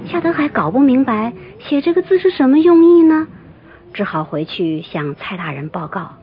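A woman telling a folktale in scripted narration, expressive and lively. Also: high voice, normal speed, slightly rough. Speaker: storyteller. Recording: muffled lo-fi recording, soft music.

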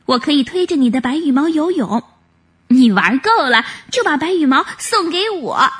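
A woman voicing a cheeky, teasing little duckling who coaxes and teases quickly. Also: high voice, sing-song, a bit bright. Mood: coaxing.

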